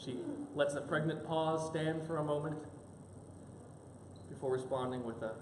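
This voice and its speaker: A man's voice: on the high side, moderate pace, background noise. A man preaching a sermon, telling a story and acting out the people in it. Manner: animated, acts out characters in quoted asides. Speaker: pastor. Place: church sanctuary. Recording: echoey church hall.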